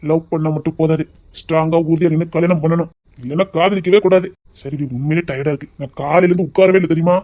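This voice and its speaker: A woman with a low voice and fairly even intonation talks fast, close to how she'd speak every day, though the recording is muffled. Taking the part of a teasing young lover wooing his sweetheart, she lilts playfully before growing gently tender in this amateur romance drama.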